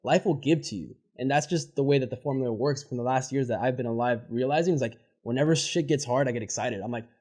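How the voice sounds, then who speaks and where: A man's voice: mid-range voice, quick pace, hardly any pauses, darkish tone. A man speaking as a podcast guest, giving motivational advice in a fervent, casual way and swearing freely. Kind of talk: motivational interview talk.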